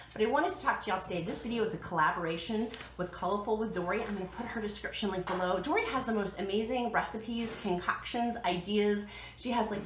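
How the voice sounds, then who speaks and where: An American woman in her thirties hosts a vlog from her living room at home, giving budget diet tips straight to camera in a casual, emphatic way and repeating points to drive them home. Her voice sits at a medium pitch. The indoor recording is echoey, with background noise.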